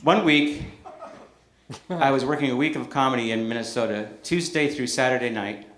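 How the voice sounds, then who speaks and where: A man's voice: medium pitch, moderate pace, fairly bright tone. A man performing self-deprecating stand-up comedy live on stage. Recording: echoey, noisy live club recording.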